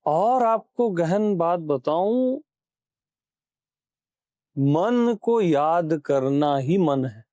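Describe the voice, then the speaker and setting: Male spiritual teacher, satsang discourse, high voice, soft dark tone, repeats phrases, quizzes listeners. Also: expressive, very slow, long pauses, dry recording. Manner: questions the audience and repeats key phrases; urges listeners on.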